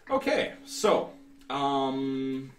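A man in his thirties with a medium-pitched voice, big pitch swings and a very slow pace narrates a tabletop role-playing game as game master, explaining things somewhat hesitantly. He's seated at a table in an indoor room, recorded with a distant mic that gives a roomy sound.

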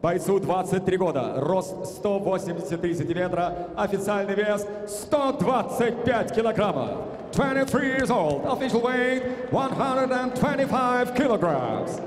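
An older man with a Russian accent works as a boxing ring announcer, with formal, showy delivery and drawn-out names over an arena PA. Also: high voice, expressive, a little hiss or hum. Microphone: handheld microphone over arena PA. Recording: echoing arena PA, long reverb.

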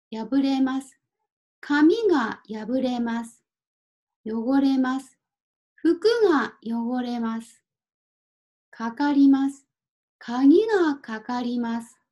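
A woman teaching Japanese, reading vocabulary words one at a time and clearly pronouncing each for learners to repeat. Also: high-pitched, mellow, low-quality recording. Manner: clear deliberate word-by-word pronunciation. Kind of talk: slow vocabulary drill lesson.

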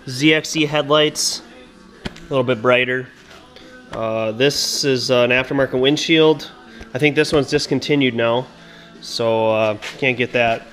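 A young Minnesota man of medium pitch shows off the upgrades on his snowmobile in a garage workshop, filming on a head-mounted action camera. He's relaxed and unhurried, with plenty of "uh" and "um" fillers.

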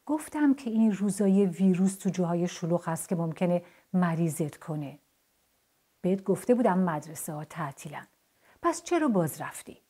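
A woman's voice: on the low side, lively intonation, mellow, husky. A woman voicing a stubborn, fed-up young boy in a children's storybook, who scolds his toy. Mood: scolding.

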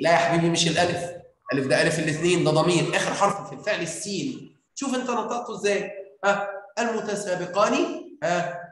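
A man's voice: fairly high pitch, fairly bright tone. A man with an Egyptian Arabic accent teaching a grammar lesson, quizzing pupils with coaxing questions. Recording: very echoey room.

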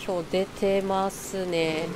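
Woman gamer on a live stream, gets loud and excited in fights, chatty and sorry in the lulls, some noise behind her. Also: mid-range voice, slow pace. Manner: excited shouting during boss fight; apologetic, chatty between fights. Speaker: game streamer. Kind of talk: live let's-play chat.

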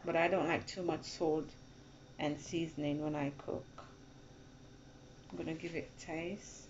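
A woman's voice: low-pitched, steady tone, unhurried. A woman hosting a casual home cooking tutorial in her kitchen, chatty and repeating her steps to viewers she calls guys. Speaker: cooking channel host. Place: home kitchen at a gas stove. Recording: dull lo-fi phone audio with background noise.

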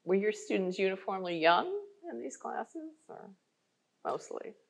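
A woman, a museum curator, moderating a panel talk in halting phrases. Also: medium pitch, sing-song, vocal fry.

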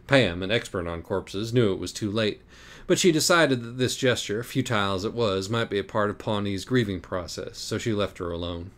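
A man narrating an audiobook in a deadpan manner. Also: fairly low pitch, moderate pace. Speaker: audiobook reader.

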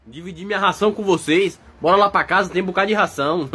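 A man's voice: sits high, sharp tone, husky, heavily acted. A man voicing a cocky street dog. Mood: boastful. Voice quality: rowdy, teasing, quick to laugh. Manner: swings between mock threats and joking. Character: brash street-smart male dog, teasing and cocky. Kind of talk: comic voice-over dubbing of animal videos.

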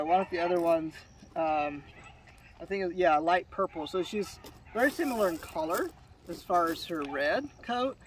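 A hoarse man, a dog breeder, presenting puppies in a fond, rambling way with many fillers and restarts. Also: high-pitched, pushed and bright, recorded from a distance, a little hiss or hum. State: hoarse from sinus trouble. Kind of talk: casual on-camera puppy showcase.

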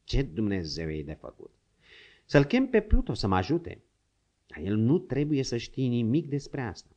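Man playing a grumbling old hunter, gruff and crafty, swooping lively pitch, dull lo-fi sound. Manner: grumbling, scolding, coaxing.

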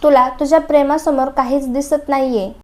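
A woman reading the lines of a stern elder brother who scolds his younger sibling, in her own high voice. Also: steady tone, moderate pace, mellow, lightly acted. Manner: firm, scolding.

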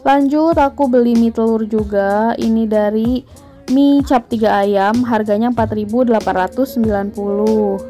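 Higher-voiced woman narrating a grocery vlog. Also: normal speed, dark tone, soft background music. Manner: chatty, matter-of-fact, listing prices. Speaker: vlogger. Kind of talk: grocery haul voice-over narration.

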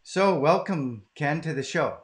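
Speaking at a measured pace in a slightly high voice, this Canadian host runs a live-streamed chat from home in southern British Columbia. He keeps things casual and talkative and laughs readily.

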